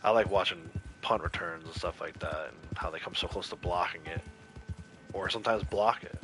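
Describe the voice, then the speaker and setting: A man's voice: low-pitched, normal speed, over music. A man streaming a game, chatting casually and opinionated, rambling with lots of fillers. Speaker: gaming streamer. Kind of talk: casual livestream chat while playing.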